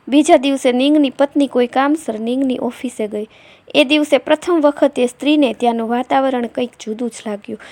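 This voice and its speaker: A woman tells a scripted family story in a high voice with a steady, even pace. The recording is dry and close, with no room echo.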